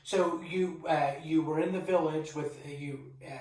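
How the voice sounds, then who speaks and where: Upbeat higher-voiced male interview host. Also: steady tone, moderate pace, a little mellow. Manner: friendly, upbeat, laughs easily. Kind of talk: casual interview. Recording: echoey room, voice far from mic.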